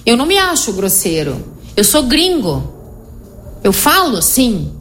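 A middle-aged woman psychologist, explaining her method in an animated conversational interview, often tagging her sentences with "né?". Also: on the high side, measured pace, slight background noise. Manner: explanatory, animated, frequent "né?" tag questions.

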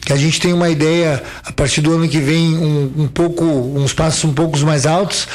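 A man from southern Brazil, an event organizer being interviewed on local radio, rambling with restarts and fillers. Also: a little high. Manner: rambling, repeats words, many fillers.

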